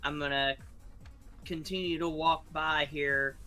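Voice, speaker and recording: Bright-voiced man playing a tabletop game. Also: a little high, steady tone, unhurried, faint music behind. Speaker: player. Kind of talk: tabletop role-play.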